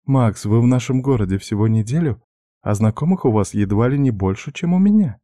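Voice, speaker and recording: A man's voice: mid-range voice, animated, fairly quick, warm tone, no echo, studio quality, pitched above the performer's own voice, natural voice. A man voicing a gracious, teasing young princess in an audiobook. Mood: amused teasing. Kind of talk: audiobook character voice.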